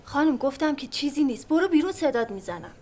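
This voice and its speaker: An actress playing an impatient hospital nurse who keeps sending people out. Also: female voice, sits high, big pitch swings, a little mellow, slight background noise. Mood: curt. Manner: impatient, dismissive. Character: curt hospital nurse, woman.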